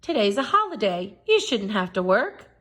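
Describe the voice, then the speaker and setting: A woman's voice: mid-range voice, big pitch swings, moderate pace, a bit bright. Lady doing a cocky young lad from a storybook, eager and full of himself. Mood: sweet, polite. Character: cocky, eager young Irish man, would-be clever. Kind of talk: storybook character voice.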